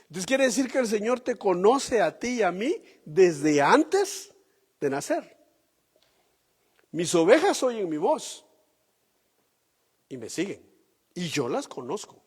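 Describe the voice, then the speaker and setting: A male pastor preaches slowly and emphatically, pausing on rhetorical questions to the congregation. His voice sits high and swings widely in pitch. The sound carries a long hall reverb. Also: big pitch swings, a little mellow, husky. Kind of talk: sermon.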